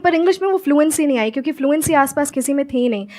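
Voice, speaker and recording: A woman's voice: sits high, animated, racing, mellow. A young woman from Haryana, a guest giving earnest answers in an interview and mixing Hindi with fluent English. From Haryana, India. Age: young adult. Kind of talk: answering interview questions on stage.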